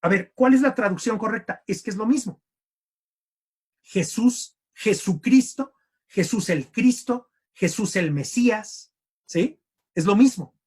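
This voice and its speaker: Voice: mid-range voice, a little slow, a little mellow, husky. A theology teacher gives an online lecture, repeating and rephrasing points and often checking in with the listeners. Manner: keeps checking in with "¿sí?" and "¿no?".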